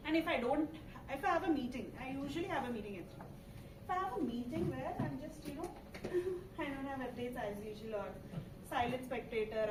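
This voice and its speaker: A high-pitched woman comedian with a South Indian accent performs animated stand-up, switching languages as she goes. She talks extremely fast and acts out conversations. The recording is roomy and picked up from a distance, in a live venue. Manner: animated storytelling, acting out dialogue. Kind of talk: musical stand-up comedy routine, mixing languages. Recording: echoey room, distant mic, noisy audience.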